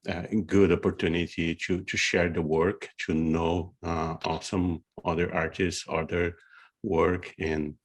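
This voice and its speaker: Low-voiced man repeating his words. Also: little pitch movement, measured pace. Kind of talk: casual group voice chat.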